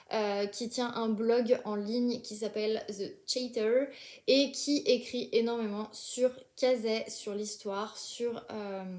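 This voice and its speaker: A woman's voice: on the high side, a little mellow, reverberant. A young woman talking casually about books she is reading, hesitant, with many fillers and restarts. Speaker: book vlogger.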